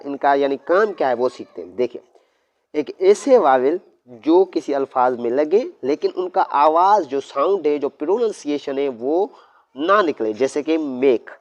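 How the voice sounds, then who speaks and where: A man's voice: on the high side, a little mellow. A man teaching a lesson with speech, explaining step by step and answering his own questions. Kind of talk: classroom lesson. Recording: dull lo-fi audio.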